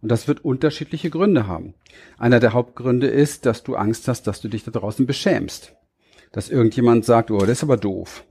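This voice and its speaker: Male coach trainer, motivational talk, low mellow voice with some fry, direct address, deliberate pacing. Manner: addresses listener directly, frequent tag questions.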